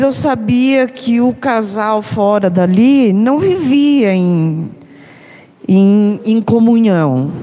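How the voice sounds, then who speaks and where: A Brazilian woman with a slightly high voice talks slowly and thoughtfully, pausing on fillers and checking in with her listeners. Her voice carries a long reverb from the room. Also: darkish tone. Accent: Brazilian Portuguese. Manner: hesitant, many fillers and tag questions. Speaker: discussion participant. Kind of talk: personal reflective talk.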